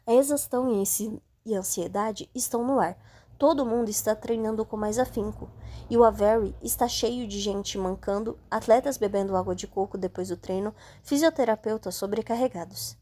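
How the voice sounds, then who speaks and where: A woman reading a first-person audiobook in a calm, steady way. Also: medium pitch, fairly quick. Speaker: audiobook narrator.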